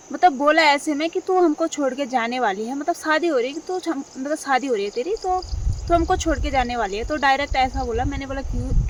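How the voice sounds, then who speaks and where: A young woman talking casually to her viewers in a rambling way, repeating herself and filling pauses. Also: high-pitched, slight background noise. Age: young adult. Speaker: vlogger. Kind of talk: casual talk to camera.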